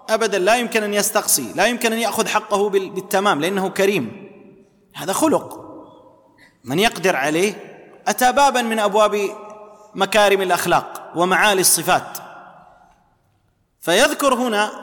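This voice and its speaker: A man's voice: high voice, fairly bright tone. A man giving a religious lesson, explaining and repeating key phrases as he teaches. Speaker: preacher. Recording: long hall reverb.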